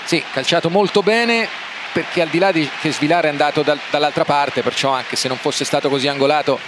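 A man's voice: a little high, brisk, a crowd in the background. An Italian man co-commentating live on penalty kicks, explaining the technique and often repeating his words. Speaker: football co-commentator, analyst. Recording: noisy live stadium broadcast.

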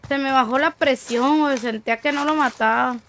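A young woman chats casually through a gaming stream, full of slang, and answers her chat as she plays. Her voice sits high. A faint hiss runs under the recording. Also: a little fast, a bit bright. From Tijuana, Mexico. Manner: chatty, slangy, reads chat aloud.

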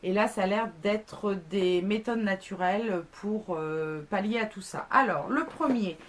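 A woman's voice: medium pitch, measured pace. A woman in her thirties, a beauty blogger, chatting casually through a product review with lots of fillers and self-mocking asides. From France.

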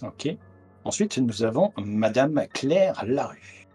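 A man's voice: medium pitch, sing-song, slow, warm tone, husky, soft background music. A man narrating a tabletop horror game as game master over a video call, with many hesitant fillers. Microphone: headset on a video call.

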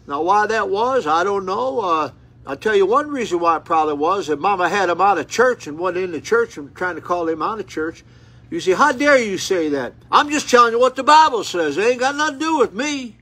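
A man's voice: high-pitched, expressive, brisk, sharp tone. A man in his eighties preaching while seated, reading scripture aloud and breaking into fervent exclamations, recorded on a phone camera in a small room. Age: 80s. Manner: fervent, rising to exclamations, repeats words and restarts. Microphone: phone camera at close range.

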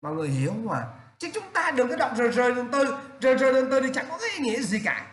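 A man's voice: very high voice, very animated, racing, a bit bright, reverberant. A man teaching an exam-prep lesson, stressing points by repeating them and asking rhetorical questions.

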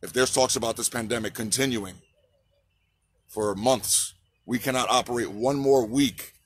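A man in his forties, a trucker activist, delivers a heated protest speech on a city sidewalk next to a park, repeating slogans and asking for the crowd's response. His mid-range voice moves at normal speed, and the phone recording, held at arm's length, has a little hiss or hum.

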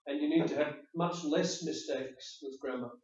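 A man's voice: a little high, fairly even intonation, normal speed, a little mellow. Patient male teacher in an echoey classroom. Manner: patient, explanatory, repeats words while thinking. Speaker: IELTS speaking teacher giving feedback. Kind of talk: spoken test feedback. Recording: echoey room, distant dull mic.

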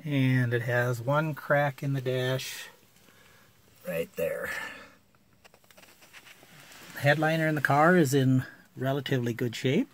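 Speaking slowly and pausing often, a man walks around his old car with a handheld phone, filming outdoors and inside the vehicle. His medium-pitched voice stays fairly even as he plainly describes it, using many fillers in this casual video.

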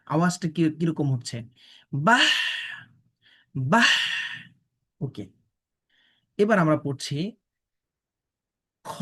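A man teaching Quran reading and tajweed, drilling Arabic letters syllable by syllable with slow, drawn-out pronunciation. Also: fairly high pitch, fairly bright tone. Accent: Bangladeshi Bengali. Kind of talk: slow recitation lesson.

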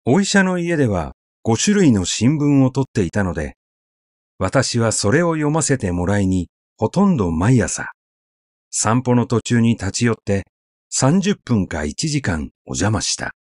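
Reading literary fiction aloud, this man takes a slow, measured pace, his mid-range voice slightly mellow and swinging broadly in pitch while keeping a natural storytelling tone. There's no echo at all, and the sound is dry and close.

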